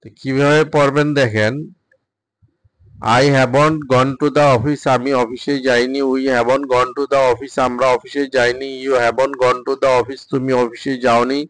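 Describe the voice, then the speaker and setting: A man, a Bengali speaker, teaching English drills by reading each sentence slowly and then translating it. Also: mid-range voice, steady tone, fairly bright tone, dry recording. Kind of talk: spoken English drill lesson.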